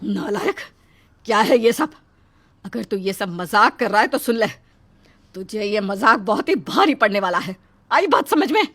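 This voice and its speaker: A woman's voice: medium pitch, animated, moderate pace, fairly bright tone. A woman voicing a harsh, scornful middle-aged mother-in-law in a cartoon story, scolding and taunting. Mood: angry.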